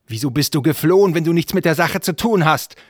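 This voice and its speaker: A man's voice: a little high, brisk, a bit bright, no echo, studio quality, voice pushed up. A man voicing an angry young male sorcerer prince who speaks in a harsh, commanding tone.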